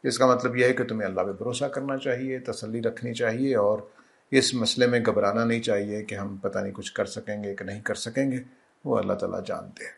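A man giving a calm, explanatory Quran commentary lecture, slowing down to recite Arabic verses. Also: on the low side, creaky. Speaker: religious teacher.

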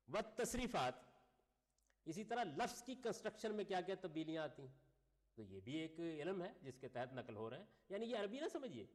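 A man giving a classroom lecture, reading Arabic phrases and then explaining them while putting questions to his class. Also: a little high. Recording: long reverb of a lecture hall.

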